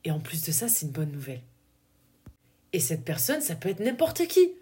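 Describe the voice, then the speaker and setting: A woman's voice: fairly low pitch, wildly swooping pitch, normal speed, dark tone. A young woman with a southern French accent hosting a casual solo podcast, talking in a chatty, filler-heavy way and laughing at herself. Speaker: podcast host.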